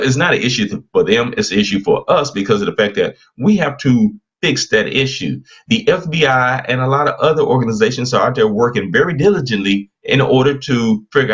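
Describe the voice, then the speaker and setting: A man hosts a casual live stream, talking through computer security advice in an earnest, advisory tone. He often stops and corrects himself mid-sentence. His voice sits at an ordinary middle pitch and comes through muffled, lo-fi stream audio.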